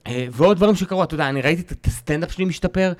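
Chatting casually on a podcast, this stand-up comedian spins animated stories and performs the voices of the people he quotes. His voice is a little high, and there's no room sound.

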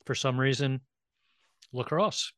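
A man hosting a casual podcast, teasing his guest and quick to laugh. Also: medium pitch, fairly bright tone, dry recording, clean studio sound. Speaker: podcast host.

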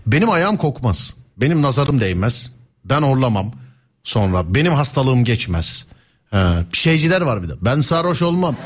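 A man's voice: mid-range voice, very animated, moderate pace, husky. Playful laughing male radio host. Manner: playful, teasing, laughs often. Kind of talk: live radio call-in chat.

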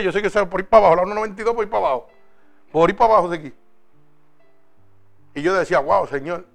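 A man preaches with fervor, his voice high and bright as he presses his listeners. He drops into quiet, intimate storytelling, then rises again into urgent exhortation. Soft music plays faintly behind him. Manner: fervent, swings between loud exhortation and hushed storytelling. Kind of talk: sermon and personal testimony.

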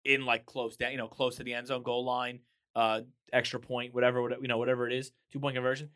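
A man co-hosting a casual sports chat, animated, acting out quotes, with many restarts. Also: medium pitch, fast, clear, resonant tone. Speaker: podcast co-host.

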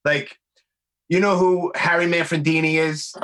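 Man, Brooklyn accent, highish pitch, bright forceful tone, casual podcast host, blunt, slangy storytelling. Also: unhurried, rough recording. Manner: blunt, swearing, animated storytelling full of slang. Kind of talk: casual conversational chat.

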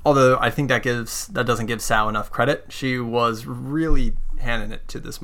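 A man's voice: medium pitch, fairly even intonation, moderate pace, bright, forceful tone. A man hosting a podcast as game master, narrating in a casual, conversational way.

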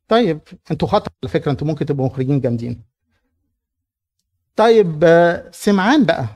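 A man's voice: fairly high pitch, a little mellow. A man with an Egyptian accent coaching actors through a church drama scene, explaining it animatedly. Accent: Egyptian Arabic. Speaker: drama director.

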